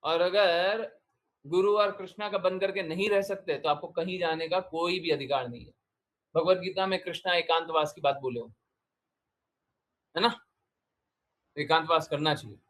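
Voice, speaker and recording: A man's voice: on the high side, moderate pace, long pauses, a bit bright. A man giving a devotional discourse, exhorting his listeners with repeated short commands and questions. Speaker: spiritual teacher.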